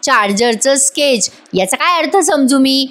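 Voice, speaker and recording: A woman's voice: sits high, animated, measured pace, fairly bright tone. A woman voicing an irritated young wife who snaps and scolds while trying to study. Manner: snappy, scolding.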